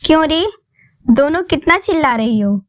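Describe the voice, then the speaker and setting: A woman voicing a harsh, scolding middle-aged mother-in-law who shouts and taunts. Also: high voice, animated, normal speed, dry recording, voice pushed up. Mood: scornful.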